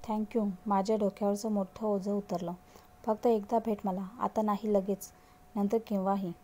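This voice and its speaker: Woman reading a sorry guy begging forgiveness, mellow soft voice. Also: medium pitch, flat delivery, moderate pace, lightly acted. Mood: pleading. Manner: pleading, apologetic. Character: remorseful grown man pleading for forgiveness.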